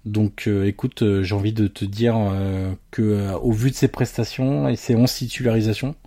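A man's voice: lowish voice, fairly even intonation, moderate pace, warm tone. A man co-hosting a casual football podcast, hesitant with many fillers and teasing his partner. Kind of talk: casual chat about Italian football.

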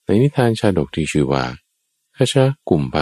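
A man, a Buddhist monk, giving a sermon built around a Jataka tale. He tells it slowly and deliberately and speaks straight to his listeners. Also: darkish tone, dry recording. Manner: slow, deliberate storytelling that addresses listeners directly. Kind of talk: sermon telling Jataka tales.

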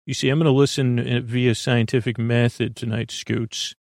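A middle-aged sleep podcast host speaks at normal speed in a creaky, slightly mellow mid-range voice with little pitch movement. His bedtime monologue meanders through tangents, with frequent uhs, restarts, and self-interruptions, in studio quality with no echo.

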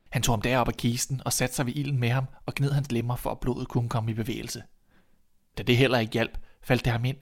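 Calm man reading a fairy tale. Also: medium pitch. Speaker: narrator. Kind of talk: storybook reading.

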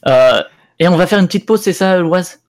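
A man co-hosting an awards show with casual, teasing and halting banter. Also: high-pitched, lively intonation.

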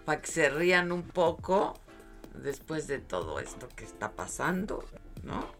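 A Mexican woman co-hosting a show, chatting casually in animated, slangy banter. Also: deep voice, unhurried, soft background music. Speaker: co-host. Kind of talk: casual chat.

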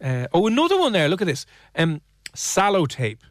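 A man's voice: high-pitched, wildly swooping pitch, fast, dry recording, studio quality. An Irish man hosting a radio show, chatting casually and playfully teasing his co-host while reading listener texts. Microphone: studio microphone.

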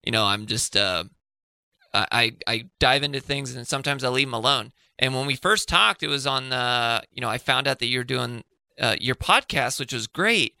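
Gravelly, bright-voiced man rambling. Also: mid-range voice, lively intonation, normal speed, dry recording. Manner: rambling, profane, trails off and restarts. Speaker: podcast guest. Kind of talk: casual chat.

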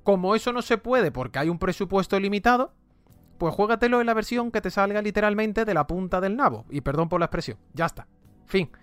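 A man's voice: high voice, lively intonation, a little fast, a bit bright, smooth, dry recording, soft background music. A man with a light Andalusian accent, chatting animatedly as a podcast co-host and laughing often. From Andalusia, Spain. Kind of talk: casual gaming chat.

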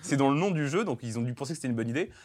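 A man talking as a guest in a casual conversation, recounting things in an animated way. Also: medium pitch, rapid-fire. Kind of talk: casual chat.

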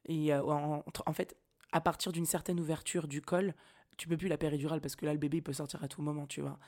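A young woman hosting a podcast, telling a personal story in a casual, slangy, animated way and laughing often. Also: sits low, fast. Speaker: podcast host.

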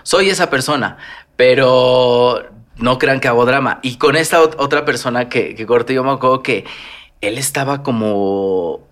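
A Mexican man chatting casually as a podcast guest, spinning personal anecdotes and slipping into the voices of the people he quotes. His pitch is middling, and his delivery stays expressive and conversational throughout. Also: normal speed. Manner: storytelling, animated, acts out quoted dialogue. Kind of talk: casual chat.

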